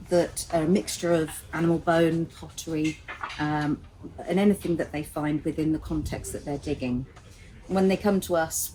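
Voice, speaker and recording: A woman, the finds manager at a dig, explaining her work in a steady, practical way. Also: sits low. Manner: steady and practical, with some fillers. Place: outdoor excavation site. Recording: noisy outdoor recording.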